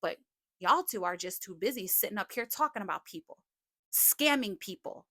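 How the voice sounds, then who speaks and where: A woman's voice: mid-range voice, animated, normal speed, bright, forceful tone, no room sound, studio quality. A woman giving confrontational live commentary, sarcastic and scolding, with plenty of swearing. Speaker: streamer commenting on a livestream feud.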